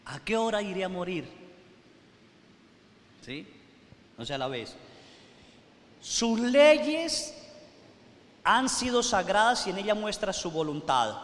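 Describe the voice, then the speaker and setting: High-voiced, bright priest preaching. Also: male voice, very animated, normal speed, long pauses. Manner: storytelling, keeps checking in with the audience. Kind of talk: sermon at a retreat. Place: large hall at a retreat. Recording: echoey hall, faint noise.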